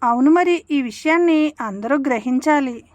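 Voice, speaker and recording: A woman telling a children's story to a child as a storytelling aunt, in a gentle, sing-song way. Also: high-pitched, moderate pace, no echo.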